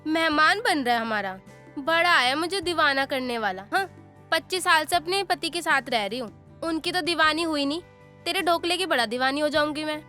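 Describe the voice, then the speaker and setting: A woman voicing a nosy, gossiping middle-aged auntie in an animated story, scolding and nagging. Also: high voice, normal speed, faint music behind.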